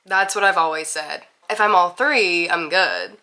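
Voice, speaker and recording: Young woman in her twenties from Mississippi, casual vlogger, bright and a touch low, candid chatter. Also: unhurried. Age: 20s. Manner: chatty, candid, laughs at herself. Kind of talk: casual to-camera intro vlog.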